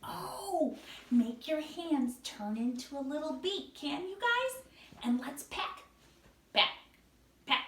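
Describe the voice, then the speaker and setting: Woman, kids show host, slow sing-song delivery, lively swooping pitch, exclaiming to children, echoey distant mic. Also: slight background noise.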